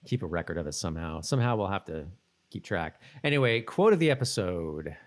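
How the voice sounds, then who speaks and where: In a low-pitched voice, a podcast co-host chats quickly and very animatedly about TV episodes. His casual recap rambles and is full of slang.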